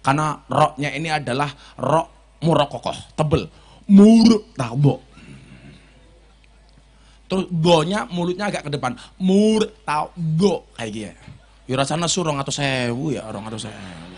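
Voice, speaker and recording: A man in his forties with a Javanese accent, giving a joking sermon to a crowd and teasing the people in front of him. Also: medium pitch. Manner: joking, switching between Indonesian and Javanese, teasing the audience. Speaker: preacher. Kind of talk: comic sermon to a live crowd.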